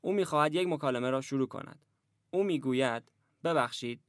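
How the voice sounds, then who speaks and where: Smooth, dry-voiced male lesson narrator. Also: mid-range voice, dry recording. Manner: measured, even, instructive. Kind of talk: scripted instruction.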